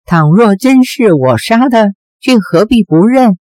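A woman voicing an earnest, gentle young male swordsman who pleads and protests his innocence, read slowly. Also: mid-range voice, animated, no echo, close to an everyday voice. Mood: pleading.

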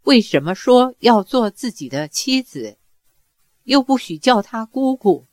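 Brief: woman narrator, unhurried expressive novel reading, dry close-miked sound. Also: on the high side, dry recording. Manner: measured, expressive storytelling. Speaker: audiobook narrator.

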